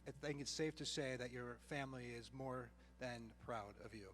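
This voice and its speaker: A man with an average-pitched voice leads an on-stage interview, smooth and easy, tossing in jokey asides. A faint hum sits under his voice. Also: moderate pace, a bit bright. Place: large room with an audience.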